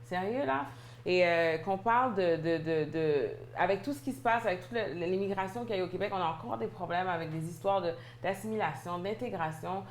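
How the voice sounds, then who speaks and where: A woman in a casual panel discussion, telling stories in an animated, indignant way. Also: lowish voice, fairly quick. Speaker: panel guest. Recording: echoey room with faint noise.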